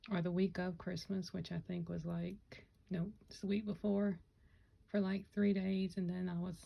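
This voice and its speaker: A woman's voice: medium pitch, vocal fry, mellow, poor audio. A woman chatting casually to camera about her Lego builds, rambling and correcting herself, with hiccups. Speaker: Lego vlogger. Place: home Lego room.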